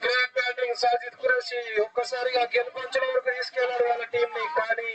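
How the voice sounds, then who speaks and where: A man with a Telangana Telugu accent giving excited live cricket commentary, exclaiming and repeating phrases for emphasis. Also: very high-pitched, fast, highs cut off, slight background noise.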